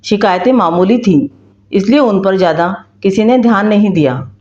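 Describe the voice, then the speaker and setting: A woman tells folk tales in steady, measured storybook narration. Her voice sits at a middle pitch. The recording sounds roomy and slightly dull.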